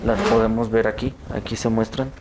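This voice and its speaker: A young man with a Mexican Spanish accent telling his story as an interview guest, halting and hesitant with many fillers. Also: on the low side, little pitch movement, a little mellow, slight background noise. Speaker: interview guest, attack survivor. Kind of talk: emotional personal testimony.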